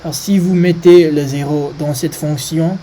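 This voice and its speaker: A non-native French speaker with a foreign accent gives an informal maths lesson, haltingly searching for words. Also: mid-range voice, fairly even intonation, mellow, slight background noise, low-quality recording. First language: not French. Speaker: maths video presenter.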